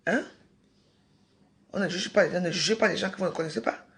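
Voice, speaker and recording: Speaking to her viewers on a casual livestream, a woman from Cameroon scolds them and repeats herself emphatically. Her voice sits fairly low, with a brisk pace and a slightly bright quality.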